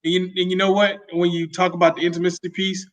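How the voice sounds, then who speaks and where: A middle-aged man joins a podcast as a guest and chats in a joking, emphatic way. His voice is high for a man. He sits well back from the mic. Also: little pitch movement, fast talker. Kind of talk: casual chat. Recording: distant from the mic.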